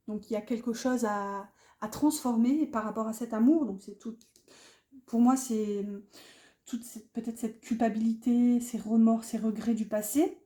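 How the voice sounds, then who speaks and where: A woman with a mellow, higher voice hosts an online tarot guidance session, giving viewers a casual, improvised reading. She sounds hesitant, searches for words and drifts into chatty asides, all in a roomy, echoey room.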